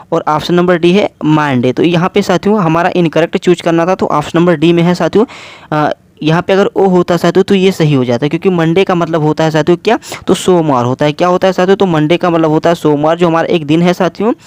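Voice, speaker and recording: A man with a slightly high voice explains exam questions one option at a time. He keeps asking questions and answering them himself. The recording is dry and close, with no room sound. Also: a little mellow, no echo. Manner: repetitive question-and-answer explaining, addresses listeners as friends. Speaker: exam prep teacher.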